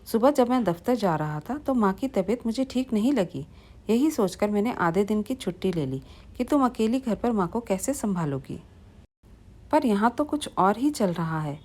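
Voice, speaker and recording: A woman's voice: medium pitch, sing-song, normal speed, a little mellow. A woman voicing a stern, angry young husband. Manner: stern, reproachful. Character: young husband, angry, protective of his mother. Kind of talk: storybook reading.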